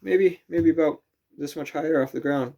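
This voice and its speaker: A man's voice: a little high, moderate pace, creaky, warm tone. Man, casual vlog, rambling, self-correcting, outdoors at night. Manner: rambling, restarts and corrects himself. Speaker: vlogger. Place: outdoors at night near a camper on a hill.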